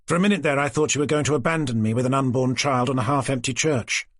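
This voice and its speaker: A woman's voice: rumbling low, quick pace, no room sound, studio quality. A man voicing a cheerful pregnant woman chatting on the phone, in a chatty, teasing manner.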